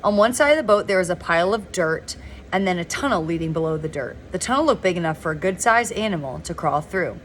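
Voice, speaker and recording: A woman reading a novel aloud in a relaxed, informal way, now and then stumbling over words and correcting herself. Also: fairly low pitch, fast, a little hiss or hum. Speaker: reader of a novel. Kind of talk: informal read-aloud narration.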